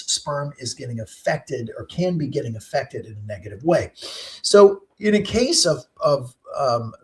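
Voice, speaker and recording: A middle-aged man, a fertility doctor hosting a live question-and-answer stream, explaining things in a chatty way with many ums and uhs. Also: on the high side.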